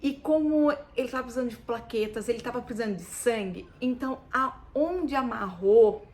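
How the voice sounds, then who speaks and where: A woman's voice: on the high side, moderate pace, a little mellow. A middle-aged Brazilian woman recounting a hard family story in an emotional, repetitive way, her voice wavering near tears. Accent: Brazilian Portuguese. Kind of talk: personal account to camera.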